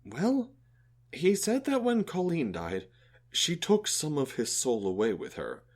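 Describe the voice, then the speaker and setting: A man's voice: a little high, unhurried. A man voicing a thoughtful male alien who befriended a human, explaining things earnestly in an audio drama. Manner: earnest, explanatory, lively intonation.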